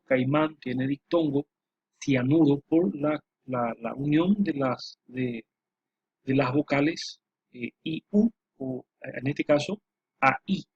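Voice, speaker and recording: A man giving a slow, patient lesson, repeating himself often and filling pauses. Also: mid-range voice, darkish tone, slightly rough, no room sound. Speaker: teacher. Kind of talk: spoken lesson over slides. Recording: dull dry lo-fi voice recording.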